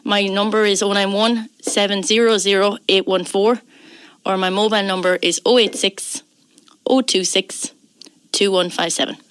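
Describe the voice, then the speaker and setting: A woman's voice: mid-range voice, fairly even intonation, moderate pace, fairly bright tone, clear, resonant tone, no room sound. A woman with a west of Ireland accent, chatting informally and emphatically as a guest in a radio interview.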